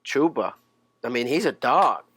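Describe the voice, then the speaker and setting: A man's voice: medium pitch, big pitch swings, measured pace, a bit bright, slight background noise. A young man co-hosting a casual sports podcast, teasing and argumentative. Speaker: podcast co-host.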